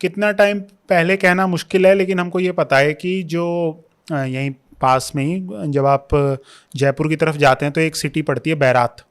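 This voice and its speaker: A man's voice: on the high side, steady tone, moderate pace, clean tone. A young man, a history scholar who explains at length in a podcast interview, mixing English terms into his Hindi. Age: young adult.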